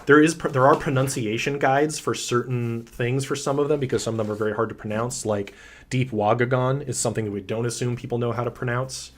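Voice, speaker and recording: A man who designs tabletop games, chatting casually through a livestream Q&A with frequent ums and a relaxed, rambling manner. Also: medium pitch, a little fast. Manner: enthusiastic about his characters.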